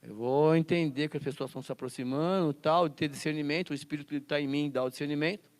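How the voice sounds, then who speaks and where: A man's voice: fairly high pitch, fairly even intonation, fast. A man teaching a Bible school lesson, quoting scripture and asking the class rhetorical questions. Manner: quotes scripture and acts out classroom scenes.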